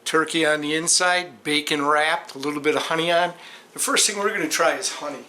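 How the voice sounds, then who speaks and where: A man hosting a casual home cooking vlog, talking slowly and savoring the food as he tastes it in his kitchen. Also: on the high side, echoey room. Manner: slow, relaxed, savoring food between lines. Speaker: cooking show host.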